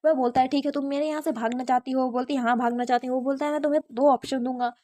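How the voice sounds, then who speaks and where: A woman's voice: high-pitched, steady tone, rapid-fire, dark tone, no echo. A woman narrating a drama recap in a casual storytelling way, retelling the characters' lines in her own voice with frequent restarts.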